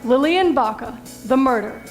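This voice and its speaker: Woman, event emcee, high voice, formal and measured, faint music behind. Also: expressive. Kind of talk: scripted introductions.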